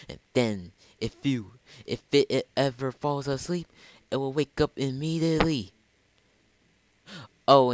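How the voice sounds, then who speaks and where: A man's voice: mid-range voice, no room sound, voice pushed up, close to an everyday voice. A man voicing a cheerful young girl trainer who chats and gives advice. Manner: chatty, giving advice.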